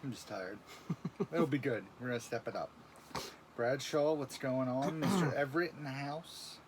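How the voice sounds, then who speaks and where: A man's voice: medium pitch, moderate pace, a little hiss or hum. Easygoing man greeting chat viewers. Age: 30s. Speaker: livestream co-host reading chat. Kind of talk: casual chat.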